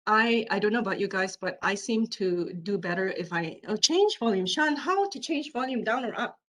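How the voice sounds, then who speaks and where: A woman giving a keynote presentation online, speaking loudly by habit and repeating her points for emphasis. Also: mid-range voice, moderate pace, low-quality recording. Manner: animated, repeats herself for emphasis.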